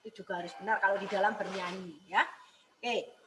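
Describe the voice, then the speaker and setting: A woman's voice: mid-range voice, steady tone, fairly quick, fairly bright tone, a little hiss or hum, poor audio. A woman teacher explaining singing technique step by step, repeating each point and checking in with a questioning "ya". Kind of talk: music lesson broadcast.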